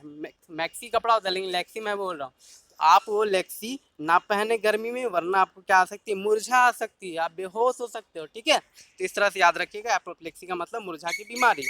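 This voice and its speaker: ऊँची, चमकीली आवाज़ वाला पुरुष शिक्षक. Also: male voice, sits high, a bit bright, no echo. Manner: repeats keywords slowly and drills mnemonic tricks. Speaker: vocabulary teacher. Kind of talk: exam-prep vocabulary lesson.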